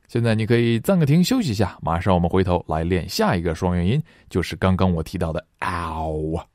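A man with a very low voice teaches pronunciation in a lesson. His pitch swings widely as he models each word at an unhurried pace and says it twice. The recording is dry and close. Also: darkish tone, no echo. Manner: switches between explaining and drilling words aloud.

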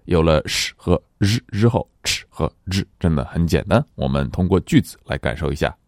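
A man whose first language is Chinese, teaching English pronunciation and reading each word slowly twice for his students to repeat. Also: sits low, animated, gravelly, no echo, clean studio sound. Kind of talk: language lesson, reading words slowly for repetition.

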